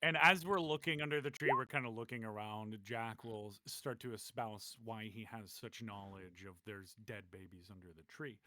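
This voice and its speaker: A man's voice: on the low side, normal speed, few pauses, dry recording. A man playing a tabletop game, talking animatedly. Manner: animated, swings into character voice. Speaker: player.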